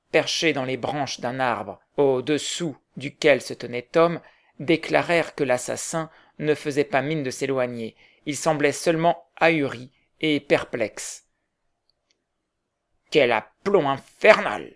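A man narrating a novel aloud in measured storytelling. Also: medium pitch, gravelly. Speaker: audiobook narrator. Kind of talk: scripted narration.

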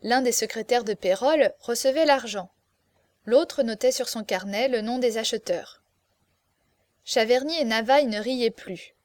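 A woman narrating a classic novel as an audiobook in a steady, expressive storytelling voice. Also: on the high side, measured pace, no room sound.

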